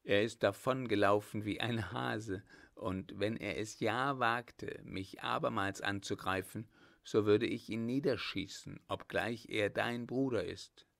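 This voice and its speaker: A man's voice: on the low side, unhurried, gravelly, fairly bright tone. A man voicing a brave, ardent young male lieutenant with a firm, earnest manner. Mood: resolute.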